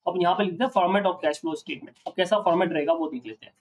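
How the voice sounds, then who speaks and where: This is a distantly recorded accounting lecture by a high-pitched male teacher. He often pauses to question his students so he knows they're following along.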